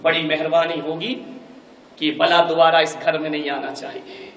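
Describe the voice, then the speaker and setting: A man's voice: a little high, flat delivery, normal speed, fairly bright tone, muffled recording, lightly acted. Man putting on a cold, bitter mother-in-law. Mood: contemptuous. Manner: curt, cold, contemptuous. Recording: echoey hall, voice from a distance.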